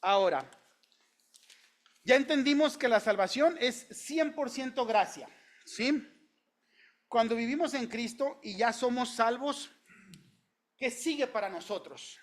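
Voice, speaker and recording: A man's voice: extremely high pitch, expressive, measured pace, long pauses. A man preaching a sermon in a church, talking conversationally and asking the congregation questions. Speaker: pastor.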